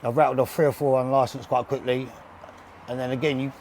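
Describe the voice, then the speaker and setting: A man's voice: mid-range voice, level tone, fast talker, creaky, a little mellow, a little hiss or hum. A man in his forties with a London accent, chatting casually and bluntly as an interview guest, often repeating words and restarting. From west London and Surrey, England. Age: 40s. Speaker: bare-knuckle boxer, interview guest. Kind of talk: casual chat. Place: indoors in a gym.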